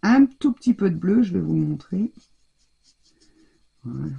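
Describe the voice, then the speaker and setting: A woman hosting a craft tutorial talks to the camera while she works, repeatedly restarting sentences and letting them fade. She sounds very animated yet a little slow, with a lowish, creaky voice. The recording has background noise and the high frequencies are cut off.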